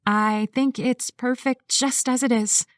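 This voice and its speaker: A bright, playful young woman in a sweet romance, voiced by the female narrator, her voice lifted a touch higher than the narration. She speaks with warm, easy affection. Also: steady tone, unhurried, no room sound, studio quality, lightly acted.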